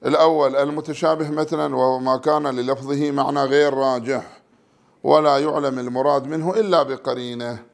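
Male religious studies teacher with a gravelly voice, reading and explaining a textbook point by point. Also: mid-range voice, fairly even intonation. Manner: measured, reads numbered terms then explains them.

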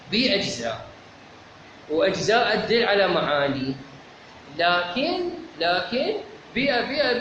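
A man's voice: high-pitched, fairly bright tone. A man with an Iraqi accent teaching a seminary lecture on logic, methodical, asking rhetorical questions and answering them himself. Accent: Iraqi Arabic. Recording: very echoey, dull lo-fi, clear background noise.

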